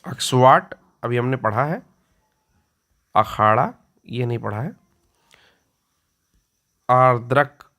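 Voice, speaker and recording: A male teacher giving an exam-prep lecture. He explains patiently, repeats key words slowly and often clears his throat. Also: medium pitch, fairly bright tone.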